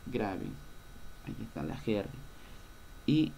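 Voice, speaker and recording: A man's voice: fairly low pitch, sing-song, slow, creaky, mellow, slight background noise. A male schoolteacher giving a recorded lesson, patiently explaining and answering his own questions. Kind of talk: recorded online class lesson.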